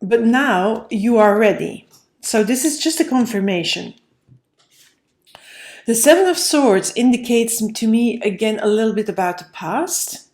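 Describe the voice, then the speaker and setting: Her voice slightly high and a little mellow, this tarot reader speaks expressively at a measured pace. She rambles conversationally through the reading for her viewers, leaning on repeated phrases, in a room with noticeable echo.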